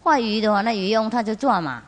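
A woman's voice: medium pitch, expressive, fast talker, pitched above the performer's own voice, close to an everyday voice. Male god as judge, voiced by a woman, pressing questions, in a reverberant hall. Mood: agreeing. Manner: questioning, then agreeing.

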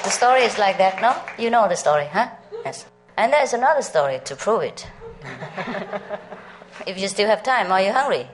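Telling stories to her meditation group, this middle-aged woman from Vietnam chats, laughs often and puts questions to listeners. She speaks at medium pitch in a sing-song way at normal speed, pausing often, against crowd noise in a noisy setting.

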